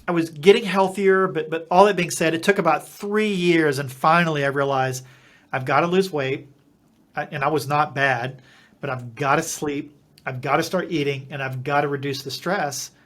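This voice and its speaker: A middle-aged company founder from Eastern Kentucky, appearing as a podcast guest, tells a personal story in an interview, acting out the dialogue. He often restarts his sentences, and his voice is a little high and a bit bright.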